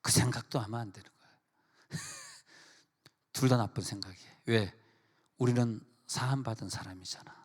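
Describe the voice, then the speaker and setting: A man's voice: mid-range voice, normal speed, long pauses, slightly rough. A middle-aged man delivers a sermon as senior pastor, his voice ringing through a big sanctuary with a long echo. He talks animatedly, acts out quoted voices and breaks off to joke with his congregation. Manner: animated preaching with acted-out quotes and asides to the congregation. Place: church sanctuary. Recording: long reverb of a church hall.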